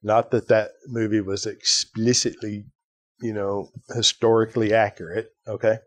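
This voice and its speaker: Casting: male podcast host, lowish voice, chatty storyteller, dry close sound. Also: little pitch movement, moderate pace, dry recording. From Ireland. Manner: storytelling, acts out quoted voices, fillers like "right?". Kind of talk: casual conversation.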